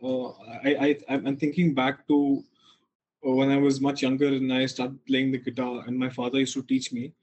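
A man's voice: mid-range voice, monotone, moderate pace, darkish tone, slight background noise, low-quality recording. A man with a North Indian accent talking casually as an interview guest, telling things in a reflective, hesitant way. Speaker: guest, coffee roaster.

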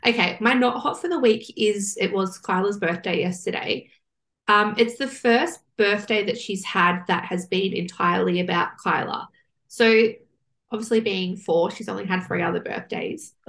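A woman's voice: mid-range voice, moderate pace, a bit bright. A woman, co-hosting a casual chat show and telling a long, candid, rambling story. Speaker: podcast co-host.

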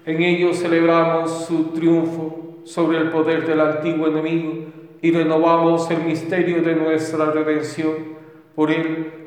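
A priest recites the prayers of the Mass in a solemn, steady, even line, with his voice sitting somewhat high for a man. His words ring out in a cathedral echo, with a long reverb that fills the large church around him.

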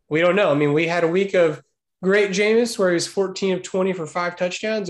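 A male podcast co-host with a slightly raised pitch, chatting casually and with a playful edge. His voice carries a noticeable room echo, as if recorded away from a treated space.

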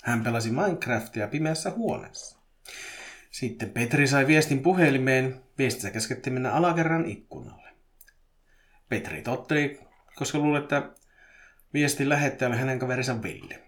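Animated male podcast co-host. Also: medium pitch. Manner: lively, playful, mock-dramatic quoted voices. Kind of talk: reading a listener's horror story aloud, casual chat. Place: home studio. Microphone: desk microphone.

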